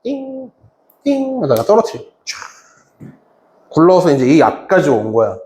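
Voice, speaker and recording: A man telling his class a story from his teaching days, with a lively voice that swings up and down. He acts out his own scolding of students with sudden loud shouts. The room around him sounds echoey. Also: on the high side, unhurried. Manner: animated, wide-ranging delivery. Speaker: academy teacher. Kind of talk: storytelling anecdote in a class talk. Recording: roomy echo.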